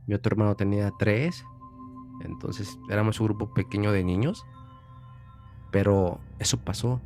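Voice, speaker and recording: A man's voice: lowish voice, a little mellow. Mexican man telling a story casually. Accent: Mexican Spanish. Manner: chatty, repeats phrases while recalling.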